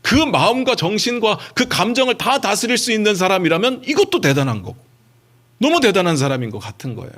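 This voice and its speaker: A man's voice: sits high, very animated, a little fast, fairly bright tone. A man preaching a sermon as pastor, talking to the congregation in a conversational way with many rhetorical questions and short acted quotes.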